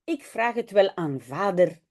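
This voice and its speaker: A woman's voice: mid-range voice, lively intonation, measured pace, pitched below the performer's own voice, natural voice. A woman voicing a small, eager and slightly naughty boy in a children's storybook.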